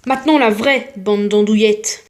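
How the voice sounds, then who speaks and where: A young woman YouTuber with a medium-pitched, slightly mellow voice speaks at a measured pace. Her casual commentary mocks other channels, full of jokes and plugs for her own videos.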